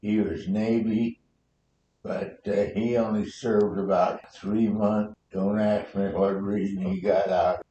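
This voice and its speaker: An American man in his nineties, a war veteran, telling his memories in a halting, rambling old-timer way during an oral history interview. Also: little pitch movement, warm tone, lo-fi sound. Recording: roomy echo, faint noise and rumble.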